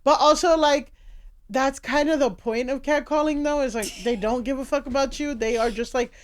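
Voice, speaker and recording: A woman's voice: high voice, normal speed. A woman from South Florida, a comedian guest, speaking bluntly and outspokenly in casual podcast chat.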